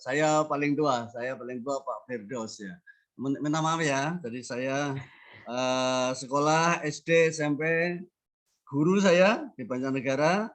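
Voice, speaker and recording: An older man gives earnest, emphatic remarks as a panelist at a discussion forum. His voice sits at a middle pitch, and he stacks repeated phrases to drive his points home. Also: unhurried. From Central Java, Indonesia. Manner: earnest, emphatic, builds points with rhetorical repetition.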